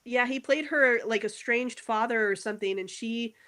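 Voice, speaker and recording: A woman in a casual podcast chat about movies, rambling and searching for words, quick to laugh. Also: on the high side, pushed and bright. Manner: laughs easily while telling stories. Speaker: podcast co-host.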